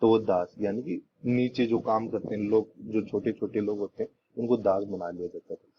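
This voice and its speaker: Young male tutor, deep-ish voice, repetitive quiz-style delivery, dull lo-fi recording with faint hiss. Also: fairly even intonation, moderate pace. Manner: repetitive, asks rhetorical questions and answers them. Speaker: teacher. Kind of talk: exam-prep lesson teaching memory tricks.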